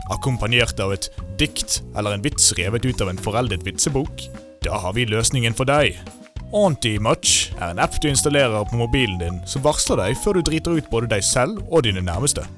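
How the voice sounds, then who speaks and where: A man reading a spoof commercial in a quick, salesy announcer style over background music. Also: mid-range voice, animated, natural voice.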